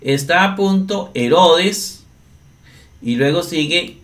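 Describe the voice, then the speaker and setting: A man teaching Greek grammar in a slow, step-by-step screen-share lesson, often checking in with his listeners. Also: on the high side, animated, fairly bright tone. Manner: slow, deliberate, often asks "¿verdad?".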